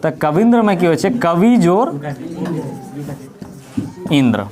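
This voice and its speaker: A man's voice: high voice, very animated, takes it slowly, a little mellow. A man with a Maithili accent giving a grammar lesson, explaining step by step and answering his own questions. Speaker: teacher. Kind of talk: grammar lesson for school students.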